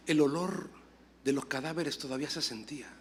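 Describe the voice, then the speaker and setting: A male pastor preaching a lively sermon, moving between loud exclamations and quiet asides and acting out dialogue as he tells stories. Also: fairly high pitch, a little fast, a little hiss or hum. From Dominican Republic. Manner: acts out dialogue in storytelling.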